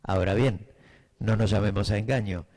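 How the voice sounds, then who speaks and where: His pitch is fairly low and his tone steady, with a moderate pace and a slightly mellow quality. The middle-aged man, from Buenos Aires and speaking with that city's accent, lectures teachers, filling pauses as he thinks and regularly confirming they understand.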